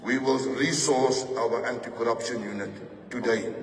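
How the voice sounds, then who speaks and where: A man's voice: medium pitch, fairly even intonation, moderate pace, far from the mic. Rallying man addressing a hall. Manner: firm, declarative, rallying. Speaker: police official giving a speech. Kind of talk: public address to officers.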